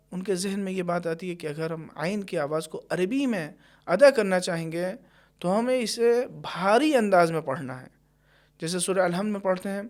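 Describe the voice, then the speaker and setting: Patient man teaching Quran pronunciation. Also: high voice. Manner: patient, explains carefully, stretches words when demonstrating. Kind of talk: tajweed lesson with slow recited examples.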